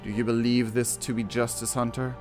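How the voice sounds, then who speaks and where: Speaking a little fast in a medium-pitched voice, this man reads quest text aloud while streaming a game. He reacts casually over game music, mixing excitable outbursts with hesitant, self-correcting remarks.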